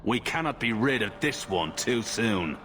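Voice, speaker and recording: A man's voice: fairly low pitch, big pitch swings, a little slow, noisy background. An actor playing a cold, contemptuous male elf who speaks curtly and dismissively. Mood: scornful. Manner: curt and dismissive.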